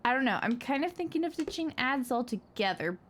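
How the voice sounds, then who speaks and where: A woman's voice: high voice, animated, fairly quick, fairly bright tone, slight background noise. A young woman hosting a live gaming stream, chatting casually, laughing often and reacting dramatically. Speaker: streamer host.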